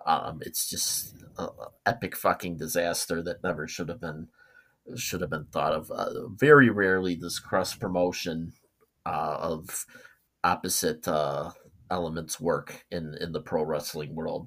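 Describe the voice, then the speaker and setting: A man co-hosting a casual podcast, talking in a halting way full of fillers and restarts, with blunt opinions. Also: low-pitched, fairly even intonation, a bit bright. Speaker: podcast co-host.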